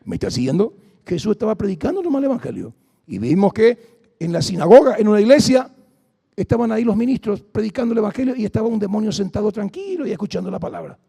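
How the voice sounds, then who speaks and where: Brief: male pastor, high gravelly voice, long hall reverb. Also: big pitch swings, fast talker, warm tone. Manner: fervent, exhorting, calls to the congregation. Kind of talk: Pentecostal deliverance sermon.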